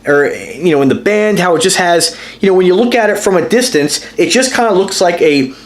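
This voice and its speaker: A man's voice: high voice, animated, a little fast. A man hosting a casual watch review vlog, talking to his viewers in an enthusiastic, rambling way with lots of fillers and restarts. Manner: addresses viewers directly as guys. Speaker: watch reviewer and channel host.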